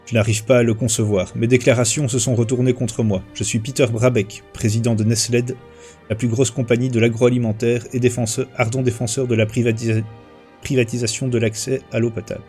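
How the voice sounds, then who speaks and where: A man reading his own first-person short story aloud on a livestream, in a steady, measured way with small slips and restarts. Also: medium pitch, faint music behind.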